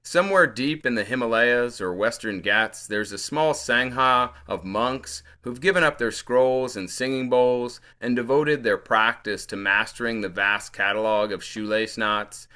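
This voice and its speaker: Bright-voiced man reading poems. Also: mid-range voice. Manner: measured reading voice with hesitant, filler-heavy asides between poems. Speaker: featured poet. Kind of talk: poetry reading.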